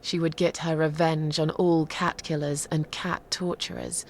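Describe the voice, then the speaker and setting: Playing a sardonic, unsettling woman, the actress tells a grim legend with a menacing mood, her low, creak-filled voice slightly mellow and barely shifting in pitch. She speaks slowly and deliberately, frequently sinking toward a whisper in horror style, over faint background noise.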